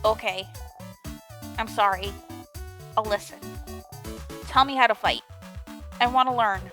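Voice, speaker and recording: A woman's voice: on the high side, a bit bright, faint music behind. Woman doing a pushy, eager little kid. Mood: earnest. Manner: pushy, insistent, quick to blame. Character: eager, stubborn young kid wanting to fight.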